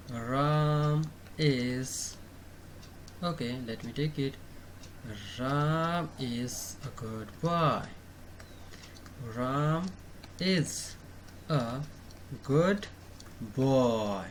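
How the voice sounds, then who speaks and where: A man's voice: on the high side, fairly bright tone, a little hiss or hum. A man teaching English grammar in Hindi, asking questions and answering them himself, with frequent "okay" and "theek hai" as he writes on a board. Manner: writes on a board while he talks. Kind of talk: explanatory online lesson.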